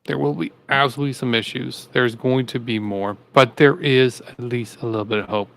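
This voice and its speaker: A man's voice: medium pitch, fairly even intonation, fairly quick, gravelly, fairly bright tone. A man co-hosting a live political talk show, rambling and repeating himself as he gets fired up. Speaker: co-host. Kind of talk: casual political commentary.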